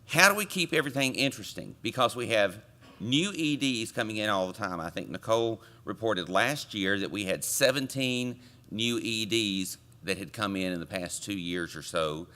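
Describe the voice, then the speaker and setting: A man chairing a committee, delivering a conference report from a podium microphone with relaxed joking asides to the audience. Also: on the low side, normal speed. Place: conference meeting room.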